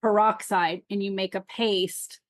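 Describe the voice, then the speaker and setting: A woman's voice: mid-range voice, level tone, measured pace, no room sound. Woman, from California, podcast guest, friendly, agreeable, dry sound. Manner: friendly, agreeable, lots of "yes, yes". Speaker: guest seller. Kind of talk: casual chat on a podcast.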